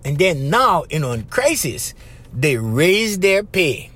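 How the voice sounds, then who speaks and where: A man with a Hawaiian Pidgin accent talks like an informal life coach. His voice sits a bit high and swings up and down a lot. He keeps checking in with the listener as he makes his points. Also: big pitch swings, takes it slowly, a bit bright. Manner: conversational, often checking in with "right?" and "okay?". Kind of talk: informal motivational talk to viewers.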